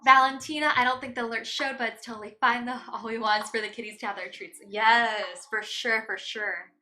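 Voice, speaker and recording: A woman's voice: a little high, steady tone, quick pace, bright, forceful tone, a little hiss or hum. A woman livestreaming in a casual, chatty way, cooing and doting as she talks to her cats. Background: faint background music.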